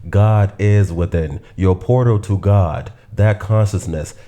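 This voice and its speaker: A man from Nigeria, hosting his own show, delivering an earnest, preacher-like spiritual monologue with long rhythmic lists and slow, drawn-out emphasis on key phrases. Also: on the low side, dark tone. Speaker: host.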